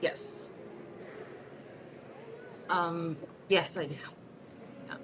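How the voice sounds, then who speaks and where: In a scripted short-film monologue, a Mexico City woman in her thirties portrays a 38-year-old single mother, soft-spoken and self-conscious, responding to questions we don't hear. Her fairly low, steady voice falters with many ums and restarts, over noticeable background hiss.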